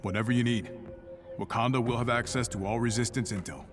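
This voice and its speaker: A man playing an earnest, steady soldier hero in a video game, with an American accent and a plain-spoken manner. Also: medium pitch, a little fast, lightly acted. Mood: attentive. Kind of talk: cinematic video game acting. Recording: prominent background music.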